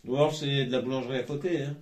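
A man's voice: medium pitch, fairly even intonation, rapid-fire. Frenchman munching chips in an echoey room. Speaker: vlog co-host tasting snacks. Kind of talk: casual chat. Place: small hotel room, indoors. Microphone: phone camera a couple of metres away. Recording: echoey room, noisy phone recording.

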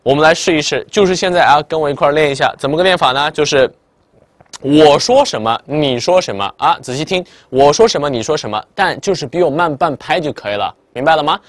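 A man teaching a lively online English listening lesson in Mandarin Chinese, often checking if the viewer follows. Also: on the high side, fast talker, dry recording. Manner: lively, chatty teacher, quizzing the viewer with "明白了吗". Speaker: English test tutor.

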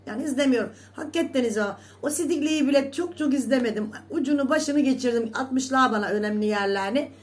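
A woman's voice: sits high, quick pace, hardly any pauses. A woman vlogger in a casual monologue to her viewers, scolding and indignant, repeating herself with emphatic oaths.

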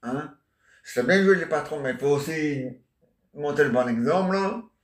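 A man's voice: fairly high pitch, moderate pace. A man doing a rambling improvised comic monologue, answering imagined listeners and tacking on questions. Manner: chatty, answers imagined listeners, constant "hein?" and "ah ouais". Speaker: amateur solo stage performer. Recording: echoey room.

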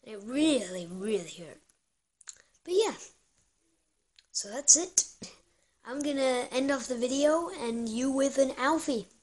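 A young female vlogger with a hoarse voice rambles through a casual story, full of "like" and "uh". Her voice sits fairly high for a woman. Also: animated, a little slow, long pauses, a little mellow. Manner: chatty, rambling with many fillers. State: hoarse, lost voice. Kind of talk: casual vlog chat.

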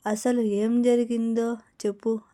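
A woman's voice: on the high side, little pitch movement, a little slow, warm tone, natural voice. A woman voicing a worried, probing middle-aged mother in a told story, firing off questions. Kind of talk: storytelling role-play.

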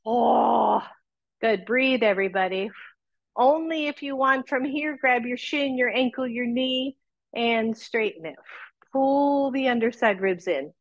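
A woman teaching a live yoga class, calling out cues and counts with encouraging, breathy exhales. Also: on the high side, dry recording, dull audio.

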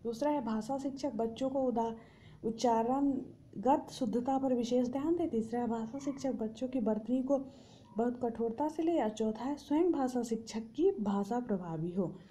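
A woman tutor reading exam questions aloud, listing each option in turn and then giving and explaining the answer, in a steady, methodical manner. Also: on the high side, normal speed, a little hiss or hum.

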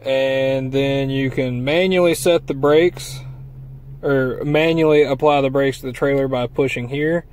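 Here a man with a mid-range, slightly mellow voice speaks at a measured pace in a steady tone. He's reviewing truck accessories in a laid-back walkthrough vlog, rambling folksily with fillers about a part he fitted, his handheld phone filming from inside the truck and out by a trailer.

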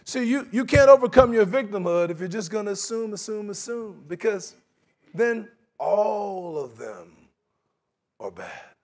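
With a high, sing-song voice and an unhurried delivery, a middle-aged man gives a sermon in a large church sanctuary. He keeps it conversational, shifting into mocking voices for his examples.

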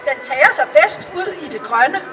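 A woman's voice: high voice, expressive, recorded from a distance, crowd noise, background noise. A woman voicing a modest, polite little nightingale in a storybook reading. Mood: gentle.

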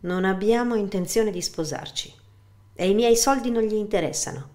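A woman's voice: medium pitch, normal speed, a little mellow, pitched above the performer's own voice, close to an everyday voice. A woman reading as a frank elderly mother. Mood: firm. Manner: firm, plain-spoken.

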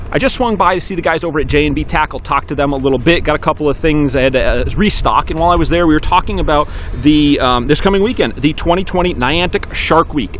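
A man in his forties hosting a weekly fishing report to camera, outdoors on a dock, talking briskly and upbeat with some fillers. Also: fairly high pitch, fairly bright tone, a little hiss or hum.

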